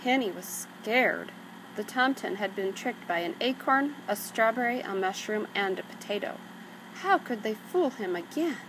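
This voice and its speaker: A woman reading a children's story aloud in an expressive narrating style. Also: medium pitch, moderate pace. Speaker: storybook reader. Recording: clearly noisy background.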